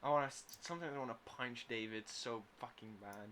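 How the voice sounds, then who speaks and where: A man's voice: medium pitch, brisk, pushed and bright. Blunt, cursing man at a game table. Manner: blunt, swears a lot, exasperated outbursts. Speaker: player. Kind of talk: casual chat during a tabletop game.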